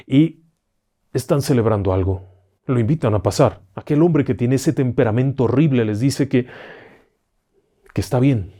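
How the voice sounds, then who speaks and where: A man telling a ghost story aloud in a lively, conversational way, acting out the characters' lines. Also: lowish voice. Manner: animated, acts out the dialogue with filler phrases. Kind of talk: spoken ghost story narration.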